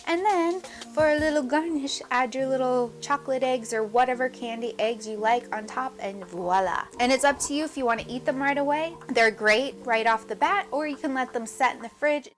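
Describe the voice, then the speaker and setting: A woman's voice: high-pitched, moderate pace, hardly any pauses. A woman hosting a casual cooking demonstration, chatty and upbeat, often speaking straight to her viewers with questions. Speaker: cooking show host.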